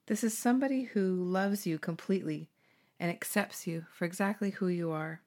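A woman guides a meditation in a calm, unhurried way. Her voice sits a little low and soothing, with gentle pauses between phrases. She sounds like she is hosting a relaxation session.

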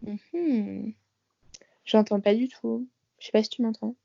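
A woman's voice: fairly high pitch, fairly even intonation, slow, vocal fry, mellow, dry recording. An eighteen-year-old woman, a dancer, chatting loosely with plenty of fillers while heard over a phone call line. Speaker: dancer, interview guest. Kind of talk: casual chat.

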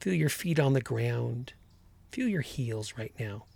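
A man guiding a calm grounding exercise as a coach, giving short, gentle instructions with pauses. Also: medium pitch, vocal fry, no echo. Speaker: podcast host and coach.

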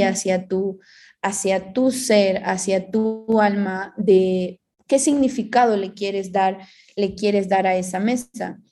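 A woman's voice: mid-range voice, a little mellow. A woman in casual reflective conversation, explaining ideas through everyday analogies and acting out inner voices.

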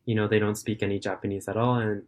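Talking fast in a somewhat low voice, this young man in his late teens answers interview questions via video call in a relaxed, earnest manner, hedging frequently with fillers. He's a high school student and remote English tutor.

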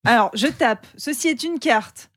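A woman's voice: on the high side, a little slow, dry recording, clean studio sound. A woman playing a party card game on a podcast, chatting casually with amused, confused exclamations.

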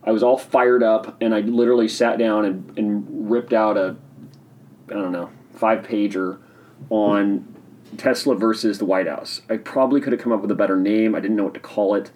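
A man hosting a casual solo podcast, talking in an excitable, rambling, opinionated way while sipping a drink. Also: lowish voice, moderate pace. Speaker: podcast host.

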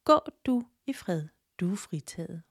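A woman's voice: fairly low pitch, heavily acted. Woman playing a wise, noble deer king. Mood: kindly. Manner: solemn, steady and earnest.

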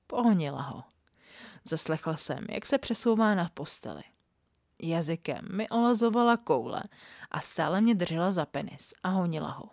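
A woman reading a story aloud as scripted narration, in a steady, matter-of-fact way. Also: on the low side, no echo, clean studio sound.

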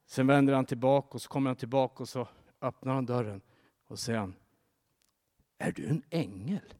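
A man preaching a sermon, telling a story and urging his listeners to pray, rising to emphatic, higher-pitched exhortations. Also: steady tone, darkish tone. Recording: long reverb of a large hall.

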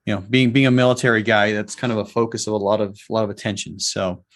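A man's voice: lowish voice, little pitch movement, fast talker, fairly bright tone. A man hosting a casual interview, upbeat in tone and rambling with many fillers. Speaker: podcast host.

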